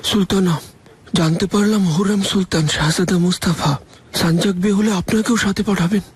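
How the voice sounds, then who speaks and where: A man's voice: high voice, steady tone, a little fast, slightly rough. A man dubbing a palace servant who reports secrets to a sultana in a TV drama. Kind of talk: dubbed TV drama. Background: music.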